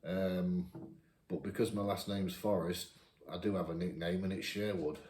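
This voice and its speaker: A man in his fifties with a northern English accent, chatting casually as he answers viewer questions, each read out brighter. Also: low voice, steady tone, moderate pace, reverberant, a little hiss or hum. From England. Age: 50s. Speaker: vlogger. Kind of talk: casual Q&A chat.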